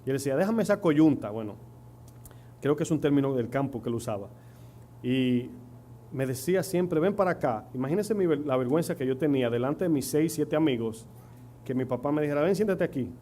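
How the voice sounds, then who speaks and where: A middle-aged Dominican pastor preaches in church, his medium-pitched, dark voice moving fairly quickly as he tells stories and puts rhetorical questions to the congregation. He speaks with a Dominican Spanish accent, and the recording carries a faint hum and noise.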